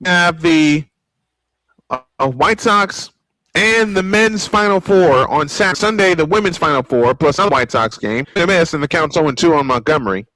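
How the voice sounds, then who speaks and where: In a small home-style studio, an American man calls baseball live with old-school broadcast flair, mixing in offhand asides. His sharp, expressive voice leans high and moves at a moderate pace; the recording has no room sound and is rough.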